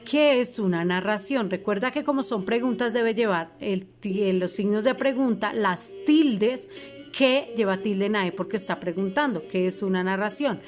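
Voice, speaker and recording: A woman's voice: medium pitch, moderate pace, soft background music. A woman teacher, giving a recorded lesson to fifth graders and patiently spelling out each instruction. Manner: patient, reminding, spells things out for children.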